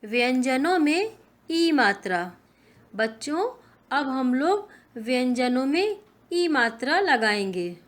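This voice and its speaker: A woman teacher speaks to young children at an unhurried, deliberate pace. Her voice sits a little high, and she stretches each letter sound so it is easy to follow. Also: sing-song. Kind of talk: online class instruction.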